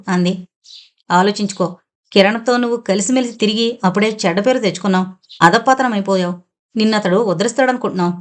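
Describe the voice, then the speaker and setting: A woman reading a novel aloud as an audiobook narrator, voicing every character in her own voice. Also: medium pitch.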